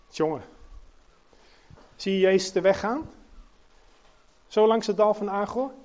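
A man with a high voice delivers a sermon in an emphatic way. He climbs to loud, ringing peaks and then sinks to soft, low passages. The recording sounds a little dull and muffled. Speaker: preacher.

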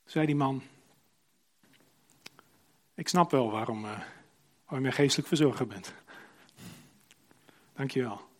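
A man preaching, retelling a story and acting out the people in it, swinging from hushed to emphatic. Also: medium pitch, a little slow, pauses often. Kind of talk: sermon storytelling.

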